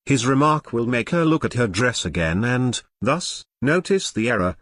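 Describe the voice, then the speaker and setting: A man reading an audiobook aloud in a wry, mock-grandiose way, with dramatic pauses, close to the mic. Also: medium pitch, animated, a bit bright, no room sound. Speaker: audiobook narrator. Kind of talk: scripted narration.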